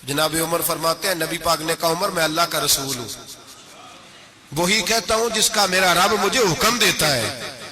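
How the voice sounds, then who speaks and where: A man delivers a sermon in a high voice, acting out the dialogue of a story as he tells it. His delivery slips into a sing-song chanting cadence. A gathered audience is clearly heard behind him. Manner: dramatic retelling, acting out dialogue with rising pitch. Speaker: preacher. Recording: crowd audible behind.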